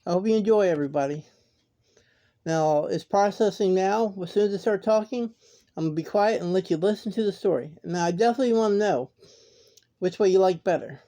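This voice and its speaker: Mellow-voiced woman hosting a horror channel. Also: mid-range voice, brisk. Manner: relaxed, chatty, repeats "now". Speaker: horror story channel host. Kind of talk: casual chat to viewers.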